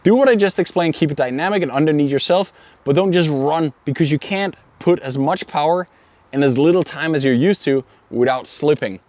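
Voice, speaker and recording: Guy from denmark teaching skating, kinda high voice, dry close sound. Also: fairly quick, a little mellow, no room sound. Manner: earnest, explanatory, repeats words while thinking. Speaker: inline skating coach. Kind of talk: instructional tutorial.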